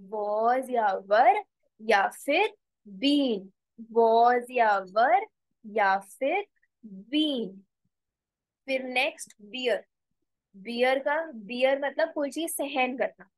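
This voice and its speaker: A woman teaching a spoken language lesson, slowly repeating words and spelling them out letter by letter. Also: on the high side, lively intonation, no room sound, low-quality recording. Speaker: English teacher.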